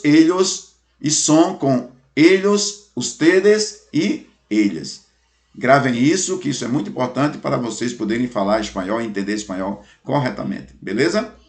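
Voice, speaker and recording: A man teaching a recorded lesson, patient, checking in often and slowing down to repeat each example. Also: medium pitch. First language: Portuguese. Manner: patient, drawing out examples slowly, checking in with "beleza?". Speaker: Spanish teacher.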